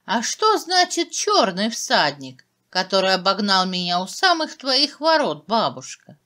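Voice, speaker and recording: Woman playing a meek young maiden, lilting pitch. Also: very animated, measured pace, pushed and bright. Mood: polite. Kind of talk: fairy tale storytelling.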